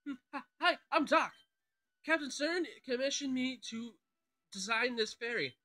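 A man's voice: very high-pitched, animated, unhurried, sharp tone, faint music behind, voice pushed up, full character voice. A man voicing a flustered male shipyard engineer who stutters nervously while reading game dialogue.

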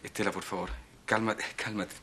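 A cheating husband in a telenovela, coaxing and evasive. His voice is bright and forceful, with a faint hiss behind it. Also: fairly low pitch, little pitch movement, moderate pace. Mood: wheedling. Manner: wheedling, evasive on the phone. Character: smooth-talking, cheating middle-aged husband. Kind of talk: telenovela acting.

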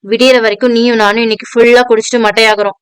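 A woman's voice: a little high, flat delivery, rapid-fire, smooth, no echo, natural voice. A woman voicing a drunk, self-pitying, volatile rich man who slurs and whines. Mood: drunk, whining. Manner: slurred, whining drunk talk.

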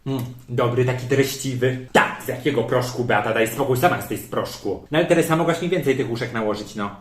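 A man's voice: mid-range voice, a little fast, lightly acted. A man playing a bossy, nosy middle-aged aunt who nags her family at a holiday dinner, in an echoey room. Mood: nagging. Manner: fussy, nagging, meddling, sharp-tongued. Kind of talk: comedy sketch role-play.

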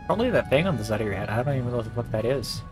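Gamer doing sweary casual commentary, dry banter, lively delivery, game music behind. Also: medium pitch, racing. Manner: wry, banters back at game characters. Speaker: gameplay commentator.

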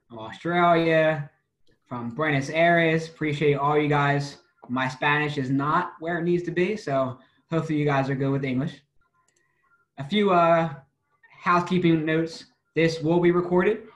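A man's voice: a little high, roomy sound. A man hosting and moderating a panel discussion over a video call, in a friendly, conversational way. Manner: upbeat, conversational. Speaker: webinar host.

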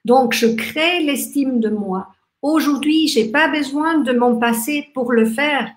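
This live online talk on gratitude comes from an Austrian workshop host in her fifties whose native language is German, speaking by webcam in an echoey small room. Gentle and reflective, she talks slowly in a somewhat high voice, halting with frequent fillers and restarts. She also gestures animatedly with her hands.

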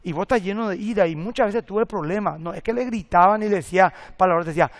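A middle-aged man, a pastor preaching a sermon and telling lively stories with acted-out quotes and jokes. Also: high-pitched, fast. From Paraguay.

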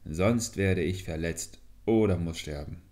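A man's voice: low-pitched, a little slow, a little mellow. A man reading a storybook, voicing a tiny young man trapped in a bamboo stalk who first pleads and then gives commands. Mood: instructing.

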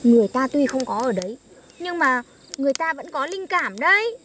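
A young woman teases and bosses in a comedy sketch. Her voice sits high. Faint crickets chirp around her in an open field. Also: very animated, fairly quick, a bit bright, a little hiss or hum. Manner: bossy, teasing, laughing often. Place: outdoors in a field.

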